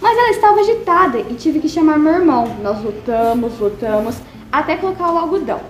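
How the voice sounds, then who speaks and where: Young female student, story reading, bouncy high voice, echoey room, faint music. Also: big pitch swings, fast.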